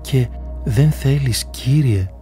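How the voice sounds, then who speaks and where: Old male monk, pleading, earnest, dark voice, as a male reader puts him on. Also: mid-range voice, soft background music, voice pushed up, close to an everyday voice. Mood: sorrowful.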